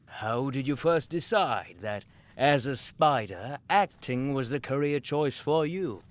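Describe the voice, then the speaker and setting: A man's voice: mid-range voice, animated, slow. A man voicing a polite, formal male interviewer asking careful questions.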